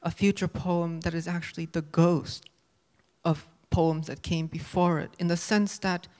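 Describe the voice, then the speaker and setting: A man moderating a stage panel, speaking in a measured, deliberate academic way into a handheld mic. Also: fairly high pitch, a little mellow. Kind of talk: poetry reading and interview question. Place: auditorium stage.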